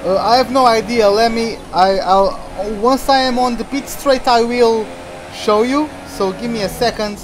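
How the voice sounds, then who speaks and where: A man's voice: extremely high pitch, normal speed. A man giving casual live commentary as they play a racing video game. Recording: loud engine noise behind voice. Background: racing game car engines.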